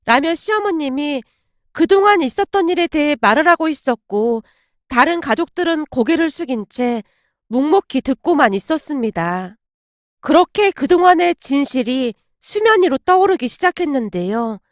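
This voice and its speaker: A woman with a high voice tells a family drama in the first person, in an even storytelling way. The sound is close and dry, like a studio read. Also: moderate pace, dry recording. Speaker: story narrator.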